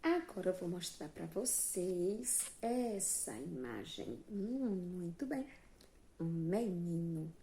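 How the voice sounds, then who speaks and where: Teaching young children in a slow, sing-song online class, a Brazilian Portuguese-accented primary school teacher patiently explains and breaks words into single syllables. Her voice is on the low side, warm, and slow with lively intonation, and there's slight hiss or hum.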